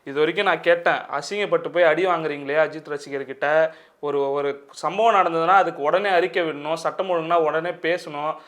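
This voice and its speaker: A man's voice: fairly high pitch, fairly even intonation, fairly quick, fairly bright tone. A man interviewing a guest, mocking and scolding him in a confrontational way.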